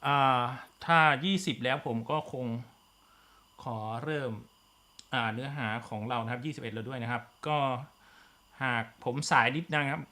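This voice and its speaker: A man's voice: mid-range voice, normal speed, pushed and bright. A man with a Thai accent teaching an online physics class, full of fillers and polite particles. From Thailand. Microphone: computer mic in video class.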